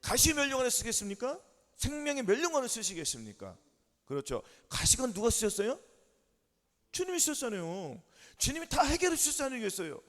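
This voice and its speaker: High-voiced fast preaching man, echoing hall. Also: very animated, a bit bright. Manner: drills the congregation with rapid yes-or-no questions and calls of amen; emphatic, repetitive preaching. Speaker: pastor. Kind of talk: sermon.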